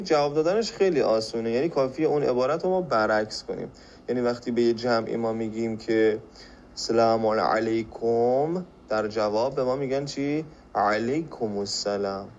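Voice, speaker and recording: A man's voice: medium pitch, a little mellow, lo-fi sound, slight background noise. Man from Iran teaching a podcast lesson. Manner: explains patiently, repeats phrases slowly, asks rhetorical questions. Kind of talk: spoken language lesson.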